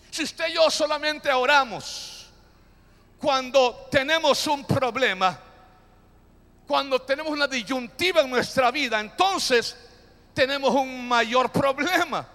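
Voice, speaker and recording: High-pitched man preaching in a reverberant hall. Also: sharp tone. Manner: call-and-response, drawn-out emphatic phrases, playful asides. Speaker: pastor. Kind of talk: sermon. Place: church.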